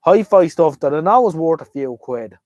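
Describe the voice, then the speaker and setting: A man's voice: on the high side, lively intonation, normal speed, a little mellow, no room sound, studio quality. An Irish man chatting casually as a livestream host, hesitant and opinionated, trailing off and jumping between thoughts. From Ireland. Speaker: livestream host chatting with viewers about vintage radios. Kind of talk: casual, rambling live chat.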